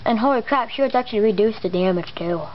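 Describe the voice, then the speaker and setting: A let's play host with a medium-pitched voice talks fast over his gameplay, casually swearing and muttering exclamations, his R sounds slightly imprecise. The audio is muffled and lo-fi with a noisy background, recorded by a camera pointed at a monitor.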